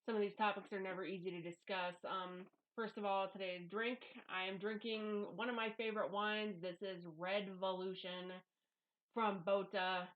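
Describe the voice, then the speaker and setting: Middle-aged woman, casual vlog monologue, medium pitch, blunt and self-deprecating, headphone mic, home office. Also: fairly even intonation, moderate pace, lo-fi sound. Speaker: YouTube vlogger. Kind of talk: casual confessional monologue to camera. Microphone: headphones used as microphone.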